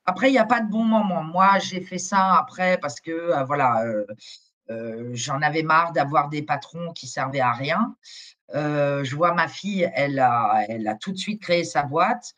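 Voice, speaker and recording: This guest's voice sits low, with expressive delivery, normal speed and a fairly bright tone. A middle-aged agency director whose first language is German, she chats casually in a live interview, frequently using fillers and restarting sentences.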